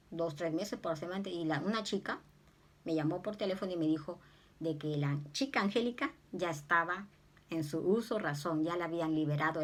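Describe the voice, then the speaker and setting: A woman preaching and telling a testimony in an animated way, jumping into high squeals when she quotes herself. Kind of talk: sermon testimony.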